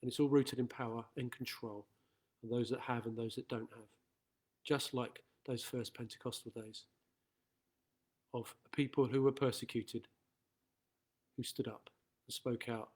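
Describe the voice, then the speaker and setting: A man's voice: mid-range voice, fairly even intonation, measured pace, pauses often, a little mellow, breathy edge. Earnest man giving a chaplain's talk. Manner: earnest, reflective. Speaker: school chaplain. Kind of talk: reflective assembly talk.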